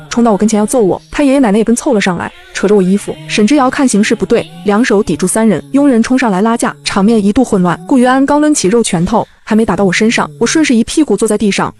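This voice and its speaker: A woman narrating a comedic web novel as a scripted audiobook, playful and lively, slipping into character voices. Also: a little high.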